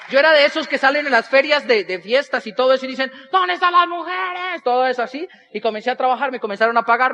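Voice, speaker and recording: Colombian guy telling funny stories real fast, high voice, kinda dull lo-fi sound. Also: slight background noise. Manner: animated, acts out other people's voices in dialogue. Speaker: speaker telling his life story. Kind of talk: humorous storytelling talk.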